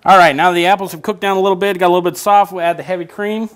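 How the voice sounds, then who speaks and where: A man's voice: sits high, steady tone, rapid-fire, a bit bright, clear, resonant tone. A man hosting a casual cooking show from a home kitchen, explaining each step with joking asides. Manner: chatty, joking asides while explaining steps.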